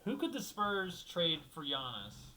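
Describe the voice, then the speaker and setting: A man's voice: fairly high pitch, wildly swooping pitch, a little slow, sharp tone, low-quality recording. A young man hosting a solo basketball talk show, rambling and thinking aloud, restarting sentences and swearing casually.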